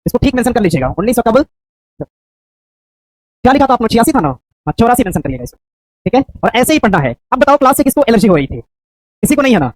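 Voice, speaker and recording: A woman teacher coaching a class for an exam, quizzing students with rapid, repeated questions. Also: on the high side, big pitch swings, darkish tone, dry recording, poor audio.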